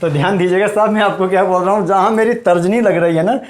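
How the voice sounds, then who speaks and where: A man's voice: high voice, steady tone, fast talker. A man teaching a grammar lesson, stressing each term, repeating it and quizzing the viewer.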